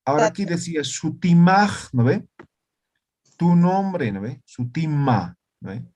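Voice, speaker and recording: Slow-talking man teaching. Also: a little high, expressive, darkish tone. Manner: explains slowly, tagging lines with "¿no ve?" and "¿ya?". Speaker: language teacher. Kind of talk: online class lesson.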